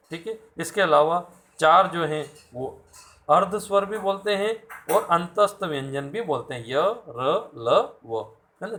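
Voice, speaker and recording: A man's voice: on the high side, a bit bright. A man teaching a class, patiently spelling out sounds and asking his students questions. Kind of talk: classroom lecture.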